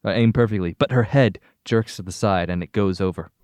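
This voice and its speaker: A man running a tabletop game as game master, narrating scenes and rules in a lively way. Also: on the low side, fairly quick, clear, resonant tone, no echo.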